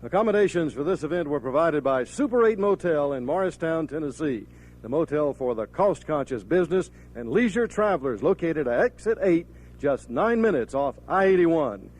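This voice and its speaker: A man working as a wrestling TV announcer, reading a sponsor spot and introducing guests in a smooth, steady way. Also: fairly high pitch, normal speed. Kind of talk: announcer read and interview.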